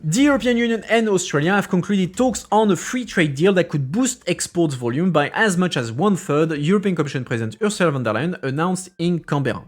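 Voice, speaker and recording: A man's voice: high-pitched, expressive, brisk, few pauses, soft background music. A man streaming a casual review of news, reading articles aloud and then breaking into loose, sarcastic asides while he thinks aloud. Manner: hesitant, many fillers and restarts while thinking aloud.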